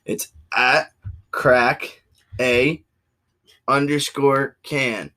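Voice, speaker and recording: Laid-back young podcast co-host. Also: male voice, mid-range voice, steady tone, very slow, bright, forceful tone. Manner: laid-back, swears casually. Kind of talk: casual chat.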